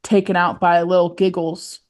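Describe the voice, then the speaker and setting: A woman's voice: on the low side, level tone, normal speed. A young woman co-hosting a podcast, chatting casually, with a chatty, rambling manner full of "like"s and laughs. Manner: chatty, giggly, rambling with many "like"s. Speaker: podcast co-host. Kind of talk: casual chat.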